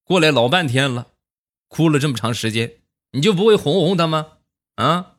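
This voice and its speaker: A man's voice: fairly high pitch, animated, moderate pace, voice pushed up, close to an everyday voice. A man with a Northern Mandarin accent voicing an angry middle-aged uncle who scolds his brother-in-law. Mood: scolding. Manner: indignant scolding.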